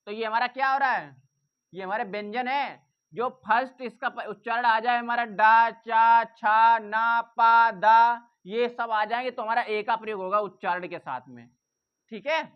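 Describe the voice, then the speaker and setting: A woman teaching English grammar in a classroom-style lesson, repeating points and asking the class rhetorical questions. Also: fairly high pitch. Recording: dull lo-fi recording.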